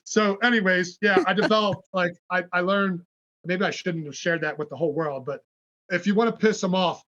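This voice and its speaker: Dude telling a wild fishing story on a podcast, bright punchy voice, kinda lo-fi dull audio, swears a lot. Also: male voice, sits high, normal speed. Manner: animated, swears freely, acts out quotes. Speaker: podcast guest, fishing brand founder. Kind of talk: casual storytelling.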